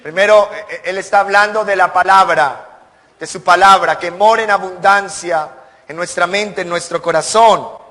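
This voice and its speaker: A man's voice: high-pitched, moderate pace, bright, forceful tone, long reverb tail. A man preaching a sermon as pastor, earnest, asking the congregation rhetorical questions and building to emphatic peaks. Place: church sanctuary.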